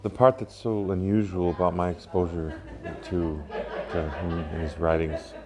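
A middle-aged man from Alabama with a Southern US accent, a poet giving a slow, deliberate reading with spoken asides in a cafe. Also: sits low, little pitch movement, darkish tone. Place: public cafe.

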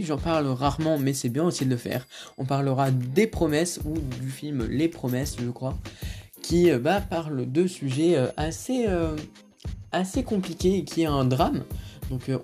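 A man's voice: a little high, warm tone. A man with a French accent hosting a casual film review podcast, talking hesitantly with many fillers and restarts. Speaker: podcast host.

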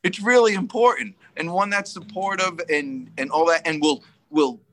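A man's voice: high-pitched, moderate pace, fairly bright tone. A middle-aged man, a podcast guest, telling candid stories in conversation. He rambles, gets emotional and often laughs.

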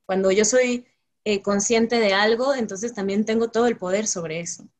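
A woman in casual conversation, reasoning aloud in a thoughtful, measured way. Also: mid-range voice, steady tone.

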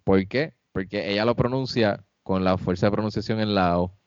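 A man's voice: on the low side, moderate pace, no echo, dull audio. A man co-hosting a podcast, rambling through stumbling explanations in casual chat. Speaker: podcast co-host.

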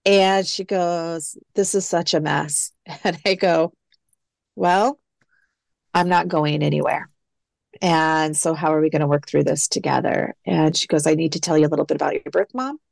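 A woman's voice: low voice, steady tone, normal speed, gravelly, a little mellow, no echo. A woman who is an adoptee guest, reflectively telling her story in a casual interview and quoting past phone calls. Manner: reflective, retells phone calls with quoted dialogue.

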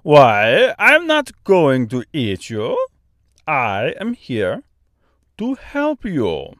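A man's voice: mid-range voice, huge pitch swings, a bit bright, dry recording, clean studio sound, full character voice. A man voicing a huge, kind-hearted male stork in a thick mock Austrian and French accent, drawn out and exaggerated. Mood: amused. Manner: slow, bouncy, exaggerated delivery.

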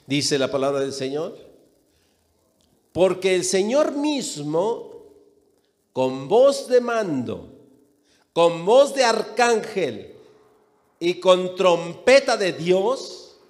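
A man's voice: sits high, sing-song, drawn-out words, long pauses, long reverb tail. A man preaching a sermon with emphasis, repeating phrases and speaking straight to the congregation.

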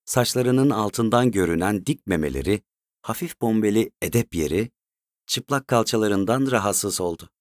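A male storyteller reads a written story in a steady, measured way. His voice sits low. The recording is dry and close, with no room echo. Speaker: narrator. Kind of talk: scripted story narration.

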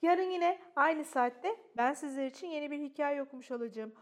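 Female children's storyteller, high bright voice, warm sing-song bedtime reading. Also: brisk.

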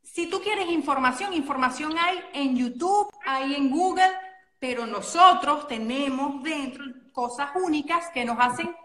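In a casual interview chat, a Venezuelan woman who works as a guest coach and model talks in a chatty, animated way, often correcting herself mid-sentence. Her voice sits high and moves a little slowly. The recording has a roomy sound.

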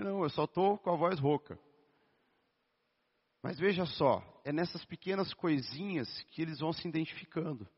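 Hoarse man preaching in a hall. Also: medium pitch. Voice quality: hoarse-voiced. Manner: storytelling, conversational, addresses listeners as brothers. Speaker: preacher and physical education teacher. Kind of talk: sermon. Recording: dull sound with long reverb in a hall.

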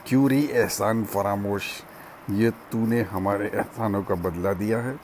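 Scolding older mother read by a man, scornful, sharp-tongued, low voice, storybook. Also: unhurried, a little hiss or hum, lightly acted.

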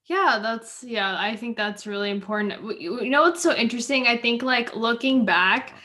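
A woman's voice: on the high side, normal speed. A woman hosting a casual interview, affirming her guest and asking open questions. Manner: affirming, warm questions, laughs often. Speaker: host.

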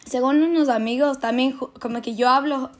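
A woman's voice: high-pitched, steady tone, fairly quick, a little hiss or hum. Giggly young Ecuadorian woman podcaster. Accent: Quito Ecuadorian Spanish. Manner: giggly, slangy, mixes in English words. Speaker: podcast co-host. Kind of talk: casual chat.

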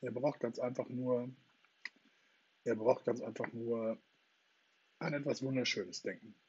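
A husky man voicing a boastful, playful boy in a storybook reading, talking in a lively, triumphant way, on a dull lo-fi recording. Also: medium pitch, moderate pace, lightly acted. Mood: cheery. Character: boastful playful boy who never grows up.

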